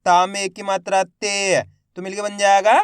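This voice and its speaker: A man teaching Hindi reading, sounding out each syllable loudly and then blending it into the word, encouraging his viewers as friends. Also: high-pitched, completely flat delivery, unhurried, clean tone, no room sound, studio quality. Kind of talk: slow syllable-by-syllable reading lesson.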